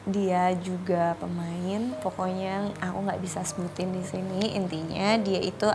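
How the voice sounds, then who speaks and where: A young woman guest in a casual interview, telling a personal story in an animated way and acting out the voices of the people she quotes. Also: measured pace, noisy background. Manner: animated, acts out quoted voices with big pitch jumps.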